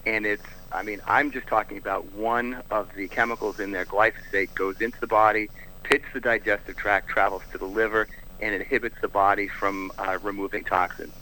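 Low, bright-toned male guest on a call-in line. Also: fairly even intonation, fairly quick, poor audio. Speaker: guest health expert. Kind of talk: interview answers by phone.

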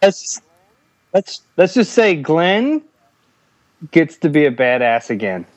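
A man's voice: fairly high pitch, big pitch swings, slow pace, a little hiss or hum. A man calling in as a guest to a podcast, chatting eagerly and rambling with many restarts. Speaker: guest caller. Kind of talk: casual podcast chat. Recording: dull, dry call-in audio.

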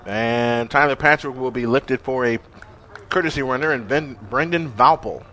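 A man's voice: mid-range voice, moderate pace, sharp tone, slight background noise. A man giving live baseball play-by-play in terse phrases, as the game announcer.

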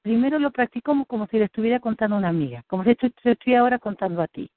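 A woman's voice: fairly high pitch, animated, very fast, dry recording. Woman business coach, encouraging, restarts a lot; narrow phone-like sound. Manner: encouraging, many restarts, acts out her own thoughts. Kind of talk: coaching conversation. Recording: tinny phone-like call audio.

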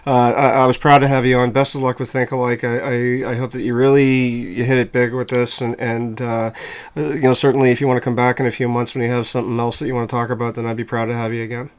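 A male podcast host with a clean, resonant voice at a middle pitch. He speaks in a friendly, casual way, and he's at ease handling thanks and sign-offs. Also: flat delivery, fast talker, clean tone. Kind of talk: casual interview hosting.

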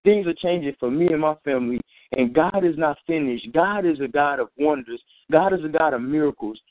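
A man's voice: fairly high pitch, lively intonation, fairly quick, no echo. A man giving an earnest, informal faith testimony and sermon, repeating and restarting his phrases as he goes. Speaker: preacher sharing a testimony. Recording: dry tinny phone-like sound.

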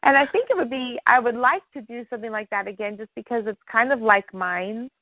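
A woman's voice: a little high, fairly quick, no echo. Friendly woman on a tinny call. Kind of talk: casual chat on a group call. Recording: tinny phone-like call audio.

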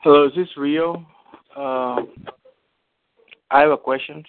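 A man calling in over the phone to ask a question on a conference call. He speaks hesitantly, with filler pauses. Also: fairly high pitch, fairly even intonation, a little hiss or hum. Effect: heard over a phone line. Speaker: caller. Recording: tinny phone line, dry.

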